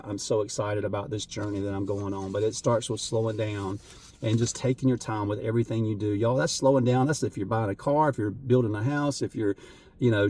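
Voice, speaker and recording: A man talking earnestly and emotionally to camera as a vlogger, halting, with many fillers and restarts. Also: on the low side, dark tone, slight background noise. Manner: emotional, voice wavering at times. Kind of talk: heartfelt unscripted talk to camera.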